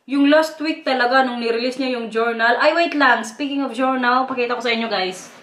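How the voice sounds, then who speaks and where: Waray-accented woman vlogger, high voice, roomy sound, chatty and talks straight to her viewers. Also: brisk, fairly bright tone. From Eastern Visayas, Philippines. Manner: chatty, keeps addressing viewers as "guys", with frequent laughs. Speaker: vlogger and mother. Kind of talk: casual chatty vlog. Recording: roomy echo.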